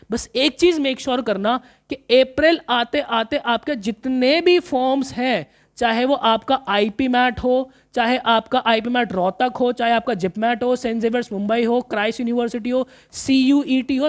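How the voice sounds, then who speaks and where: A man coaching commerce students through exam planning in a casual, chatty way, often repeating himself and calling listeners brother. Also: very high voice. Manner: chatty, repeats phrases, calls listeners brother, mixes in English terms.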